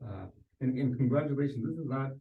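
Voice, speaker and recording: A real estate sales coach with a mid-range voice talks fast, telling anecdotes in a group coaching discussion. He's conversational, often restarts his sentences, and keeps checking whether others agree. The recording sounds distant and echoey, thin like a phone line.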